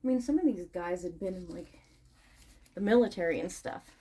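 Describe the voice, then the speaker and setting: A woman who vlogs and sells online chats casually while packing orders, thinking aloud and drifting from one aside to another in a rambling way. Her fairly low voice is dark and husky, with lively intonation at a normal speed.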